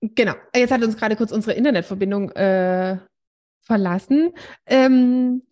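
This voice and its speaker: A woman host chats in an eager, rambling way, tossing in fillers and racing through asides. Her voice sits a bit high. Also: dark tone. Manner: enthusiastic, rambling, quick-talking. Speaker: podcast host. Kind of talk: casual podcast conversation.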